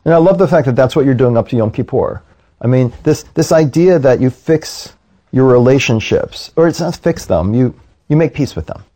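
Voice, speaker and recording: A man's voice: mid-range voice, lively intonation, moderate pace, dark tone. A man speaking as a rabbi in a reflective conversation, earnest, slipping into quoted voices as he tells stories.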